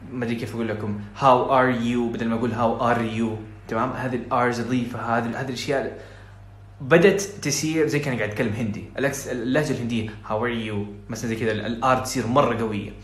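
A man's voice: medium pitch, echoey room, a little hiss or hum. A Saudi man with a Saudi Arabic accent giving earnest, pleading advice on a podcast, dropping English phrases into his talk.

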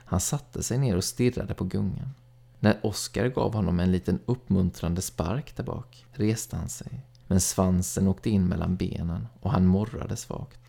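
A man narrating a first-person story in a calm, even storytelling read. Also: low voice, creaky, breathy edge. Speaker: audiobook narrator.

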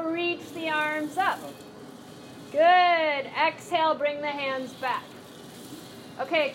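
A woman's voice: high voice, a bit bright, slight background noise. A woman leading a live chair yoga class, cueing breaths and moves in a playful, encouraging way. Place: class room with group.

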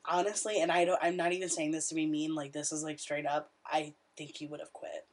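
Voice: medium pitch, flat delivery, fairly quick. A young adult co-hosting a podcast, chatting casually with blunt, dramatic remarks. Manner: blunt, dramatic, frequent laughter. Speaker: podcast co-host. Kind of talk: casual chat.

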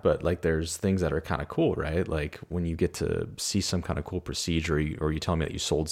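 A man's voice: rumbling low, gravelly. A man who is a podcast guest, talking candidly in casual chat, with hesitant restarts.

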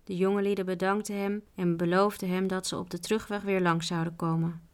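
A woman's voice: lowish voice, flat delivery, fairly quick, darkish tone, smooth. Woman reading a children's book aloud.

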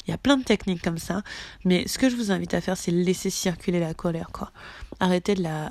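A woman's voice: on the low side, vocal fry, darkish tone, no room sound. A woman coach giving a casual, blunt motivational talk, emphatic and swearing freely. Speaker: coach leading a group challenge.

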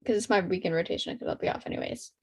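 A woman's voice: mid-range voice, very fast, creaky, slightly rough. Young woman co-hosting a casual podcast. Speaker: podcast co-host.

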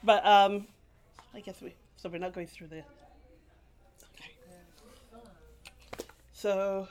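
In a library oral history interview, a middle-aged woman from England who spent part of her childhood in Guyana wanders through her life story, laughing and restarting a lot. Her mid-range voice stays level, she takes it slowly, and a crowd murmurs behind her.

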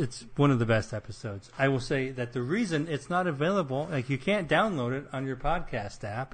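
A young man with a Midwestern accent hosting a casual podcast chat, rambling and self-deprecating with lots of fillers. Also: medium pitch. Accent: Midwestern American. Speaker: podcast host.

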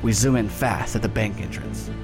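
A man's voice: fairly low pitch, moderate pace, over music. A man reading screenplay stage directions aloud in a breezy way, often breaking into laughter. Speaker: script reader.

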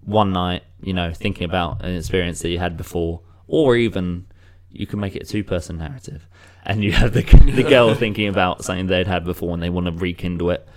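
A man's voice: low voice, steady tone, brisk, hardly any pauses. A man hosting a casual music review chat, rambling with frequent restarts. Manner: rambling, restarts, many "you know".

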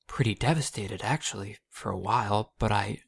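Actor as a husky-voiced brooding mage in an audio drama. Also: male voice, on the low side. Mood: halting. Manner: halting and defensive. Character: troubled, stubborn young male mage.

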